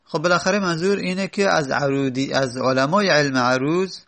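A man lecturing in a slightly high, gravelly voice. He walks through his examples slowly, letter by letter, with patient pauses and fillers. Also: fairly bright tone. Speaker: teacher of Arabic prosody. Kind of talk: spoken lecture.

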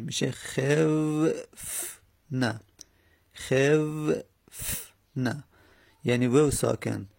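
A man teaching a grammar lesson, explaining slowly step by step with many pauses and fillers. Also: medium pitch, gravelly, a little mellow, slightly rough.

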